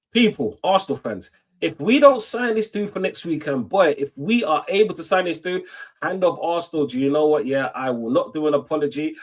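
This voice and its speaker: Husky, swaggering man ranting. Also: a little high. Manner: swaggering, profane, repeats tags like "you get me". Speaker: football pundit, Arsenal fan. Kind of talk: animated casual football rant.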